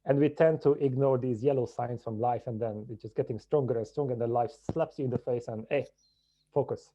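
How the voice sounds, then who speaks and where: A man from Hungary, a podcast guest telling his story in a measured, reflective way. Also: medium pitch, mellow, muffled recording, a little hiss or hum. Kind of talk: podcast interview.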